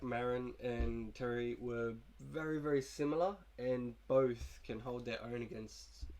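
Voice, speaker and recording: A sick, coughing young gaming YouTuber rambles in a laid-back way about his video game team while fighting a cold. His medium-pitched voice is creaky and darkish, and the audio quality is poor.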